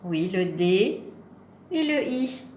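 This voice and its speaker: A kindergarten teacher gives young children a home lesson, patiently sounding out every syllable and number. Her medium-pitched voice is sing-song and slightly mellow, and she speaks slowly. The room echoes, with faint background noise.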